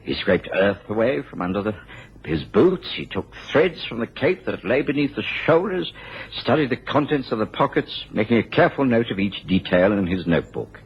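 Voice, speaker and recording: A man playing a loyal doctor companion in a radio drama, telling the detective's story in a measured, gentlemanly way. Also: fairly low pitch, very animated, slightly rough, exaggerated voice. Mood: measured storytelling. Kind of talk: radio drama narration and dialogue. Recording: muffled, faintly noisy radio drama recording.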